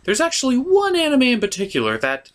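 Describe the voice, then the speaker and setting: Speaking at an extremely high pitch and a brisk clip, this comedic review show host narrates his script with theatrical, exaggerated animation and mock exasperation.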